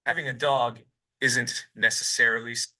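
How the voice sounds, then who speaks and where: A man's voice: medium pitch, steady tone, moderate pace, sharp tone. A male-sounding robot voice, synthetic and stiff, answering interview questions in long scripted sentences.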